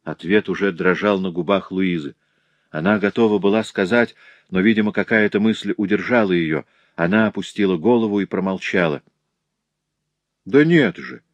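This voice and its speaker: A man narrating a dramatic classic novel as an audiobook, steady storytelling on a close mic. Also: low voice, a little fast, no echo, lo-fi sound.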